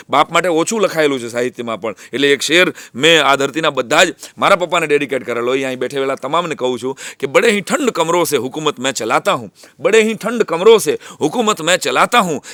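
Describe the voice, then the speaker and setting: Lively man telling stories. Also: on the high side, no echo. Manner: lively storytelling, drops to a hush when acting out whispers. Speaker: teacher and guest speaker. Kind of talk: storytelling talk to students and parents.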